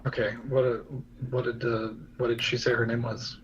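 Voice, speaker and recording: A man's voice: medium pitch, flat delivery, moderate pace, close to an everyday voice. A man doing an evasive ship captain. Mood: wary. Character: evasive male starship captain. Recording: dull lo-fi with faint hum.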